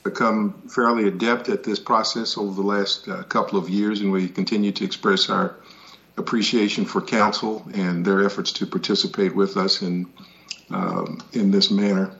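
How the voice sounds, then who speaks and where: Casting: male presiding judge, low creaky voice, hesitant measured delivery, dull call audio. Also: a bit bright. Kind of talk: formal, unscripted courtroom remarks. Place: virtual court hearing.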